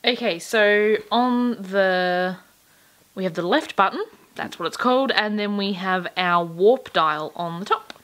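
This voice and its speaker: A woman's voice: mid-range voice, unhurried, fairly bright tone. A woman co-hosting a casual toy unboxing, laughing often while she explains the instructions step by step. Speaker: toy review co-host.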